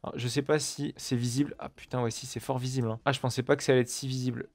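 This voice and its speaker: A man's voice: mid-range voice, flat delivery, rapid-fire, dry recording. A man giving casual, chatty let's-play commentary at his computer. He swears often and keeps addressing viewers with fillers and asides. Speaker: gaming video creator. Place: at his computer while recording gameplay.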